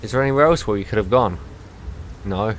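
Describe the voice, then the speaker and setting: Man, fairly deep voice, casual gaming commentary, let's play host, faint noisy ambience. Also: animated, fast talker.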